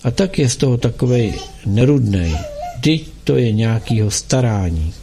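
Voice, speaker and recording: A man voicing a soft-hearted, worried old grandmother who speaks in fretful, colloquial phrases. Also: mid-range voice, animated, gravelly, slight background noise.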